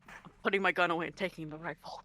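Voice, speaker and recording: A woman's voice: on the low side, very fast, crowd noise. A woman player in a tabletop game, describing her character's actions and giggling often. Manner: giggly and animated.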